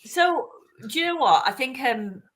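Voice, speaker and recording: A woman's voice: high voice, lively intonation, unhurried, a little hiss or hum. A female co-host who welcomes the audience and asks the guest questions, with frequent "um" fillers. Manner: friendly, with "um" fillers. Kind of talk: hosting a live online interview show.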